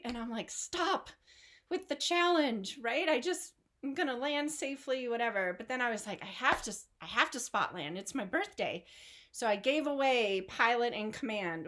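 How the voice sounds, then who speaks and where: A woman at a middle pitch chats casually with an online group from home over a video call microphone. Her talk wanders, with plenty of fillers and restarts and the odd small laugh. She sounds relaxed and loose, like someone catching up with friends. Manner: rambling, chatty, with many fillers and laughs. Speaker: online art studio host.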